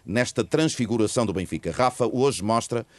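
A man's voice: medium pitch, animated, brisk, no echo. A man with a European Portuguese accent giving emphatic, opinionated football analysis in a panel talk.

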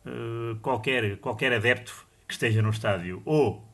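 A man's voice: mid-range voice, normal speed, fairly bright tone. A man with a European Portuguese accent analysing football on a panel, hesitant and often repeating his words. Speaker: football pundit.

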